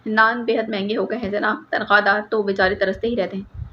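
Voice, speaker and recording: A woman voicing a cheeky, witty male household servant in an audiobook, making deadpan quips. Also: medium pitch, natural voice. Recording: slightly muffled with faint hiss.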